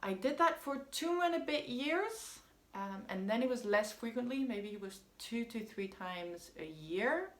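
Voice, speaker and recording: A vlogger whose first language is French tells a casual personal story, rambling and chatty with frequent ums. Her voice is a little high and expressive, her pace a little slow, and the recording has a roomy echo.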